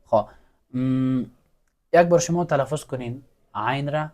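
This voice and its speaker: A man's voice: medium pitch, a little mellow. A man teaching Quran recitation, patiently drilling letter sounds for students to repeat and praising them. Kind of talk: classroom lesson, call-and-repeat drills.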